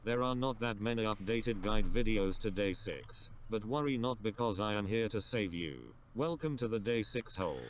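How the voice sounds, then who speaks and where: Smooth robotic text-to-speech male voice. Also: on the low side, normal speed, few pauses, a little hiss or hum. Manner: flat, even android-like delivery. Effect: smooth, monotone robotic text-to-speech voice. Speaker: guide video narrator. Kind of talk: scripted narration.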